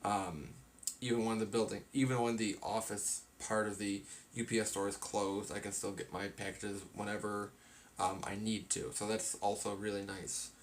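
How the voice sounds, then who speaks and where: A man's voice: fairly low pitch, flat delivery, normal speed, a little hiss or hum. A man casually chatting on a live stream, sleepy and yawning, rambling through his plans with lots of fillers. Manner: rambling, filler-heavy, tired.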